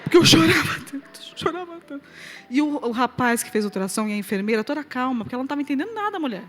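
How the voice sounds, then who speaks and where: Animated high-voiced Brazilian woman preacher. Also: rapid-fire, soft background music. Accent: Brazilian Portuguese. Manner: animated storyteller, swings loud and soft, laughs along. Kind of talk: testimony to a live audience.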